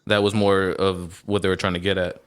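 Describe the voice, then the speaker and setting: A man's voice: low-pitched, level tone, brisk, clear, resonant tone. A man co-hosting a casual podcast in a studio, reading out news headlines in a loose, laughing way. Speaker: podcast co-host.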